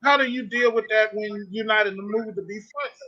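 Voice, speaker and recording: A man's voice: high voice, a little fast, pushed and bright. A male talk show host asking long, winding questions in an interview. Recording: dull lo-fi sound.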